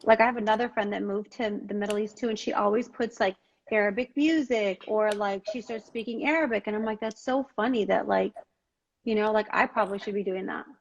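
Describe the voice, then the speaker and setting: A woman's voice: medium pitch, steady tone, fairly quick, muffled recording. A woman in her forties chatting casually as a guest on a live stream, upbeat and full of "like" and "um". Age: 40s. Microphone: remote call audio.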